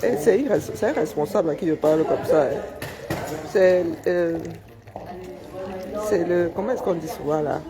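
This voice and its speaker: Loud, teasing woman with a Cameroonian lilt. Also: lowish voice, normal speed, long pauses, a crowd in the background. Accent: Cameroonian French. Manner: loud, teasing, joking banter. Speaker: vlogger filming coworkers. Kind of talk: casual workplace vlog chat. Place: workplace break area, indoors. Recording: coworkers chatting in the background.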